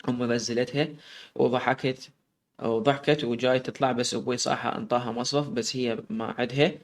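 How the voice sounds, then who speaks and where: A man's voice: mid-range voice, fairly even intonation, brisk. A man narrating a first-person story.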